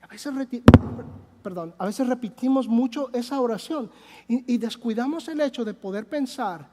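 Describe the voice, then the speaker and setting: A man's voice: very high-pitched, normal speed, dark tone, slight background noise. A man, preaching a sermon as pastor in a conversational way, telling personal stories with frequent hesitations. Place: church sanctuary. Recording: long church reverb.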